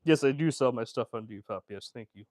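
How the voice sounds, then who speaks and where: On a livestream, a man who works as a fashion designer chats with viewers, meandering and restarting with plenty of fillers. His mid-range voice has a darkish tone, moves fairly quickly, and is recorded dry.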